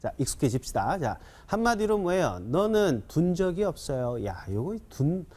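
A man teaches an English writing class on video, coaxing his learners with quick questions and slow spoken drills. His voice sits a little high and swings widely as he talks. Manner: animated, coaxing, keeps asking students questions; repeats drills slowly, counts learners in. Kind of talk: classroom-style video lecture.

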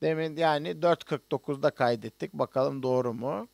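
A man with a fairly high voice teaches music notation online, walking through each step as he works on screen. He hesitates often with drawn-out fillers. The sound is dry and close, with no room echo. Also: vocal fry, a little mellow. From Turkey. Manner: explains step by step while working on screen, with many hesitations. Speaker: music professor.

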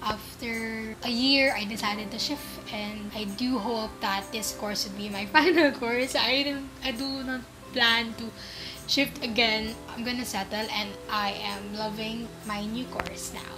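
Lively young woman, higher voice. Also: a little slow, over music, poor audio. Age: 20s. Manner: lively, switches to Tagalog. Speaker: interviewee. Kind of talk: recorded self-introduction.

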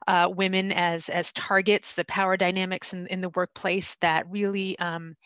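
Female professor on a video panel; low-pitched, dry close sound, discursive and thoughtful. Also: little pitch movement, normal speed, fairly bright tone, clear, resonant tone, no echo, lo-fi sound. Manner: thoughtful, rambling, with restarts. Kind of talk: panel answer.

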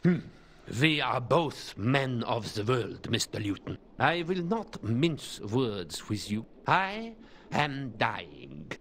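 An actor playing a very old, dying count in a video game, weary and haughty, with a theatrical aristocratic manner. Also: male voice, mid-range voice, sing-song, a bit bright, slight background noise. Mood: weary, frail. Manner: slow, aristocratic, theatrical old-man delivery. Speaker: game character, an aged count. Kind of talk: dramatic video game voice acting.

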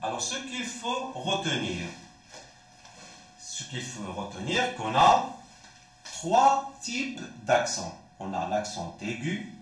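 A male teacher with a Moroccan accent explains a French lesson slowly. His pitch rises and falls a lot as he stresses each word. He sounds like he is in a very echoey room. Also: wildly swooping pitch, a bit bright. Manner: slow, repeating words, asking then answering itself. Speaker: primary school French teacher. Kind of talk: classroom lesson.

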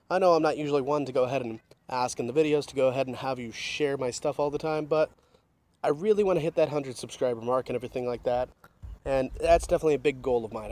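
A man's voice: medium pitch, darkish tone. A young man chatting casually to his phone camera in a vlog, rambling and swearing a lot. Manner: rambling, swears often, repeats "definitely". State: out of breath on stairs. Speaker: vlogger. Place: office building and stairwell, indoors.

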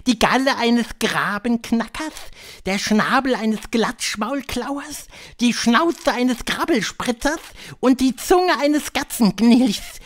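A man reading an audiobook, voicing an imperious female witch leader who lectures in a shrill, drawn-out way. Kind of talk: audiobook character voice.

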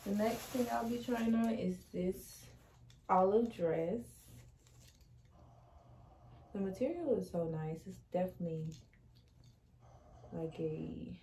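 Filmed on a camera across her small bedroom, this young woman is a fashion vlogger doing a casual try-on haul, all sass and slang. Her voice sits in the mid-range with a dark tone, and the rough recording carries a little hiss or hum.

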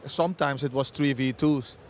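A man's voice: medium pitch, steady tone, moderate pace. Middle-aged man, football pundit, stammering restarts, non-native phrasing, outdoor stadium, handheld mic, faint hum. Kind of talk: studio-style punditry debate.

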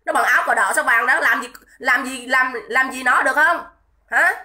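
Ranting on her livestream, a woman scolds and repeats herself with clear indignation, greeting viewers between tirades. The voice is high, pushed and bright, at a moderate pace.

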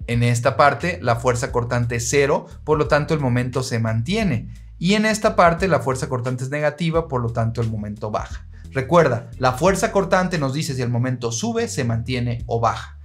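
A man with a mid-range voice gives an engineering lesson in a patient, steady manner. He speaks straight to the viewer and walks them through each step. Soft music plays faintly behind him. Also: mid-range voice. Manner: patient, steady, addresses listener directly. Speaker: engineering teacher. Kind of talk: explaining structural diagrams.

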